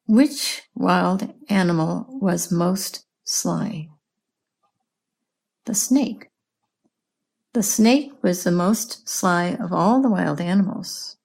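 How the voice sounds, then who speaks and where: A woman teaches an English lesson in a slow, patient voice. She asks simple questions and repeats the answers. Her voice is low-pitched with a gravelly edge. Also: a little mellow. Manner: patient, repeats and explains words.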